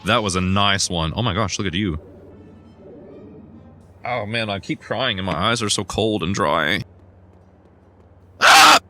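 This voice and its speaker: A young man casually narrating a video game, rambling through a personal story with sudden loud outbursts. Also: on the low side, normal speed, long pauses, over music. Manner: rambling, chatty storytelling with bursts of loud excitement. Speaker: gaming streamer. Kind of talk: casual let's play commentary.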